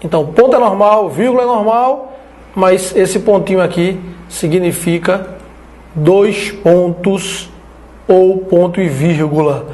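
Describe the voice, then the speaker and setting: Brazilian guy doing an online greek lesson, slow, keeps saying né and ó. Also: high-pitched, dark tone. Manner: slow explanatory, checking in with "né?" and "ó". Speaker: teacher.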